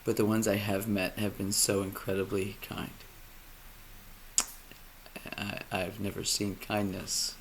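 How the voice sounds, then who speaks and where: A man speaking a personal monologue, halting and emotional, often dropping to a near whisper. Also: fairly low pitch, monotone, a little hiss or hum. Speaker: vlogger.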